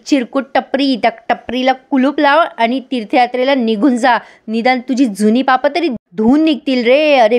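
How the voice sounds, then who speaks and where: A blustering male gangster boss scolds and taunts in a scornful tone, as a woman reads his lines. The voice sits fairly high. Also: close to an everyday voice.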